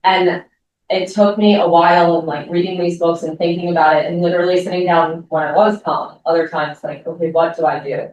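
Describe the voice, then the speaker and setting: Candid woman speaking with a low voice in an echoey hall. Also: steady tone, brisk, darkish tone, highs cut off, a little hiss or hum. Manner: candid and self-deprecating, with many likes. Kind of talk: parent talk. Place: school meeting room. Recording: echoey room, voice from far off.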